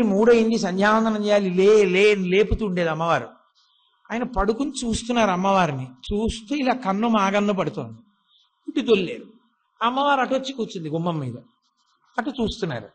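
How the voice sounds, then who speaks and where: High-voiced man giving a devotional discourse. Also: fairly bright tone. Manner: storytelling, acts out dialogue in quotes, slows to recite Sanskrit phrases. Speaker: spiritual discourse speaker.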